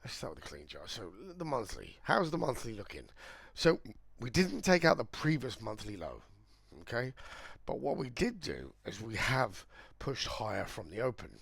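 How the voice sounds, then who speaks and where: A man with a croaky voice, talking casually and rambling while he walks through charts on a live trading stream. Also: mid-range voice, big pitch swings, moderate pace, fairly bright tone, dry recording. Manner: chatty, rambling, thinking aloud. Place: indoors, air-conditioned room.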